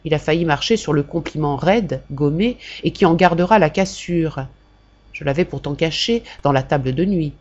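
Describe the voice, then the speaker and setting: Lectrice de livre audio, lecture posée. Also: female voice, deep voice, dull audio. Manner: measured, expressive first-person reading. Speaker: volunteer audiobook reader. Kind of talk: audiobook narration of a classic novel.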